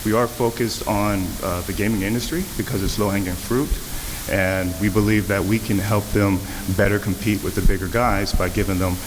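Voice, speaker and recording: A man, a startup founder, speaking in a brisk and focused way on a panel. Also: on the low side, steady tone. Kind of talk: panel discussion answer. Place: event hall. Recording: echoey hall with clear hiss.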